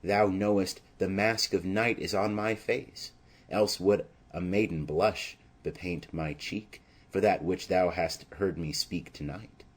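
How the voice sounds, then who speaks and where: A man voices a lovestruck, anxious young maiden in the style of an audio drama, delivering Shakespearean verse in an earnest, measured way. His voice is low, with fairly even intonation.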